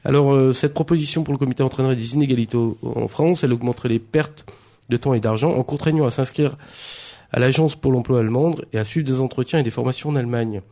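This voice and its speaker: A man's voice: mid-range voice, fast, mellow. A man presenting a radio press review, hesitant, with many fillers and restarts. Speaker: news columnist.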